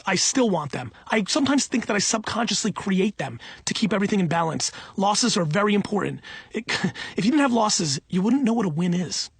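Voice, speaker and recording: A man telling a personal story in a casual, excited, rambling way, often breaking off mid-sentence. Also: high-pitched, no room sound. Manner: excited, rambling, self-interrupting. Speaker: speaker answering audience questions.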